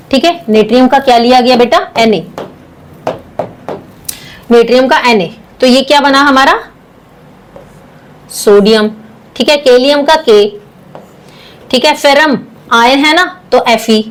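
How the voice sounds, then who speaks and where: A woman's voice: high voice, takes it slowly, pauses often. A woman, a science teacher explaining a lesson step by step and calling her students beta. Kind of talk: classroom lecture.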